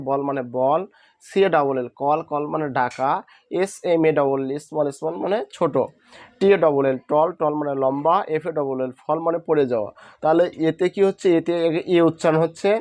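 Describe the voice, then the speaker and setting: A man's voice: fairly high pitch, darkish tone, no room sound. A man teaching a spoken lesson, patiently asking questions and answering them himself. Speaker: English teacher.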